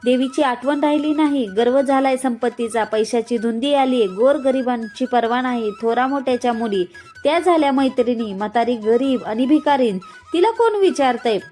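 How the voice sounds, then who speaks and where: A woman voicing a poor old beggar woman who speaks low and stern, over faint music. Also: moderate pace, mellow, close to an everyday voice. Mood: angry.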